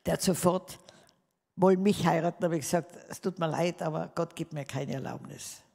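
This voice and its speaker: A woman tells her life testimony to an audience, animated and warmly direct as she speaks to them. Her voice has a gravelly, creaky edge. The sound rings with long reverb from a large hall. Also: fairly low pitch, moderate pace. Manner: lively storytelling, addressing listeners as dear ones. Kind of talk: spoken testimony to a live audience.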